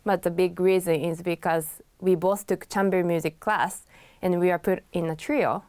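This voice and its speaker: A woman from Japan, speaking as a pianist guest in a conversational interview. She talks in a soft-spoken way, with light laughs. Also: lowish voice, steady tone, moderate pace, no room sound.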